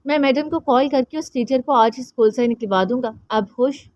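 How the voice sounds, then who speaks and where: A woman voicing a doting young uncle who speaks gently and coaxingly to his nephew. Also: sits high, normal speed, dry recording, highs cut off, close to an everyday voice. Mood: protective.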